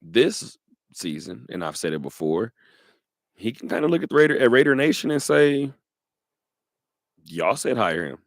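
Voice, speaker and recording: A man hosting a sports radio talk show, talking in an animated way, laughing often and repeating his points. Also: medium pitch, normal speed, gravelly, dry recording, studio quality.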